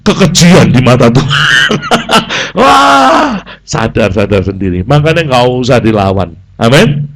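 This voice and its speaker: A man's voice: mid-range voice, unhurried. A man with a Javanese accent preaching a sermon as a pastor, humorous and acting out the people he quotes. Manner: animated, humorous, acts out quoted dialogue.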